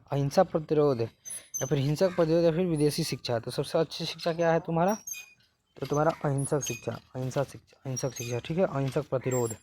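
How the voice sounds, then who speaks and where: A man's voice: on the high side, darkish tone, slight background noise. A man teaching a lesson, working through exam questions one at a time and repeating each answer to the students.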